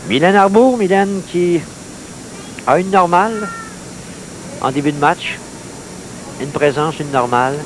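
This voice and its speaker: A Quebec French-accented man provides golf-commentator play-by-play on a late-1980s TV sports recording. His voice sits slightly high. He calls each shot in short, measured phrases over faint background noise. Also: lively intonation. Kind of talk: golf-commentator style play-by-play of a mini-putt match.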